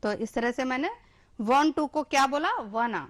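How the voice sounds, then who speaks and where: A woman's voice: high-pitched, normal speed. A woman with an Indian accent teaching an English lesson, explaining in Hindi, calling her pupils children and drilling words for them to repeat. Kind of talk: classroom-style lesson.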